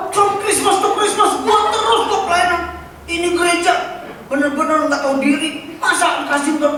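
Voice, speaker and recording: A man's voice: bright, forceful tone, a little hiss or hum. A man voicing an indignant male church worker who rants about being wronged. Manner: aggrieved, high-pitched ranting. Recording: echoey church hall, distant mic.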